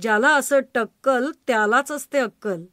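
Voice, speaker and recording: A woman's voice: on the high side, moderate pace, fairly bright tone, no room sound, studio quality, lightly acted. A woman voicing a playful, mischievous old grandfather who answers in jokey rhyming banter. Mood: joking.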